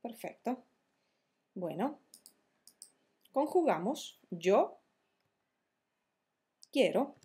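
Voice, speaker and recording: A woman teaching verb conjugations in a slow, careful tutorial, spelling out each form deliberately. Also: fairly high pitch, sing-song, warm tone, breathy edge. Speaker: Spanish teacher.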